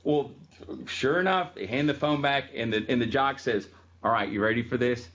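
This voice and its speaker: A man's voice: mid-range voice, normal speed, a bit bright, highs cut off. A man giving a casual classroom lecture on music history, telling stories in a chatty way with frequent ums.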